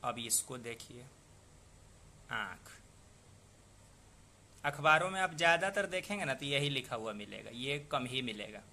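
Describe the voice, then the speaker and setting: A male Hindi language teacher gives a spoken lesson on pronunciation and spelling, explaining patiently, repeating words aloud, and asking the listener rhetorical questions. His mid-range voice sounds pushed and bright, with slight background noise.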